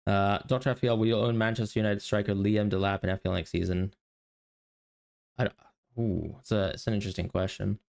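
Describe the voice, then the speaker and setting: Low-voiced man rambling through analysis. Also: fairly even intonation, fast, vocal fry, darkish tone. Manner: rambling, self-correcting, thinking aloud. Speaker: podcast co-host. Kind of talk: casual analytical chat.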